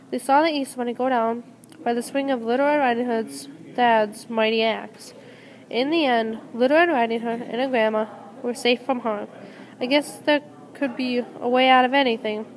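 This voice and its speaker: A woman's voice: a little high, poor audio. A woman reading a homemade fairy tale aloud in an earnest way, with small slips and restarts. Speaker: storyteller.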